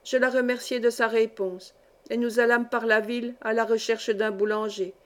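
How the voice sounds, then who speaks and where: A woman narrating a classic novel as an audiobook in a measured, steady storytelling voice. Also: fairly high pitch. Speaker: audiobook reader. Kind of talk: scripted narration.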